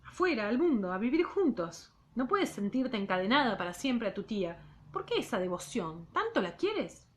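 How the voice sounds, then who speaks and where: A woman's voice: fairly high pitch, sing-song, moderate pace. A woman reading the part of an insistent young man aloud from a novel. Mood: urgent.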